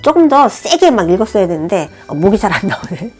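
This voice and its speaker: A woman teaching Chinese, explaining a novel passage in a friendly, animated way. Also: mid-range voice, quick pace, breathy edge. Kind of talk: language lesson, reading a novel aloud and explaining. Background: soft background music.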